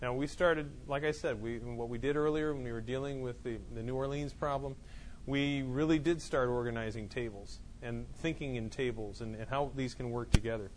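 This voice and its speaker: A male college instructor lectures to students in a classroom, his explanation loose and repetitive, full of restarts. His mid-range voice holds a steady tone at a normal speed. The background is noisy, and his clip-on mic keeps falling off.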